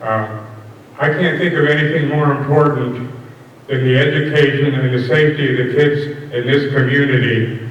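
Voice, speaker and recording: A man's voice: medium pitch, normal speed, a little hiss or hum. An older man giving a plainspoken, wry public comment at a town meeting, speaking into a floor mic. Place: school gym at a town meeting. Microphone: standing floor mic, far camera. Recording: roomy, muffled hall sound from far off.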